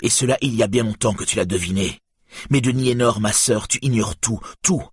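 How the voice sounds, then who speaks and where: Man playing a storybook warrior hero, commanding, raised husky voice, dry read. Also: lowish voice, a little fast, dry recording, pitched above the performer's own voice. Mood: wrathful. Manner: commanding, wrathful. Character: grim hero warrior, proud and wrathful.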